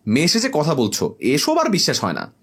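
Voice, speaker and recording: A man's voice: a little high, huge pitch swings, a little fast, fairly bright tone, slightly rough, heavily acted. A man voicing a young male jinn who makes TikTok videos, talking in a petulant, bantering way in a storybook comedy.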